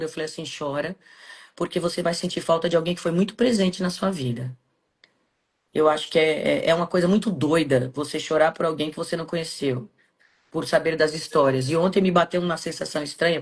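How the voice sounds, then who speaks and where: A woman with a Brazilian Portuguese accent, telling a personal story in a podcast chat, speaking softly and heartfelt. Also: low voice, slightly rough. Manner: soft, subdued, heartfelt.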